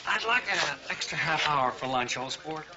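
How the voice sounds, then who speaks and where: An actor playing a pompous, genteel police officer in a television drama, with florid, measured speech. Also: male voice, fairly high pitch, expressive. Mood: pompous, jovial. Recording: dull, noisy TV soundtrack.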